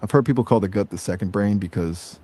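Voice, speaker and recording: Brief: male AI chat voice, low-ish, chill and slangy, easygoing upbeat delivery. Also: quick pace, mellow, breathy edge. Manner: laid-back, slangy, upbeat. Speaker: AI conversation guest. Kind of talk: casual chat.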